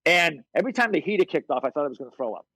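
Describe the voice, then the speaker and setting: Brief: male fitness coach guest, husky and fairly high voice, swears freely, tells punchy stories. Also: very fast, no echo, poor audio. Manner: blunt, profane, animated storyteller. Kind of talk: casual interview storytelling.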